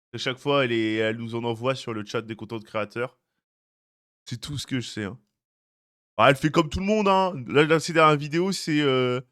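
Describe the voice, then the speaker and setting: A medium-pitched young man's voice, a bit bright and clean, carries his live stream. He chats with viewers in a casual way, welcomes them by name, teases them, and tosses out joking side remarks.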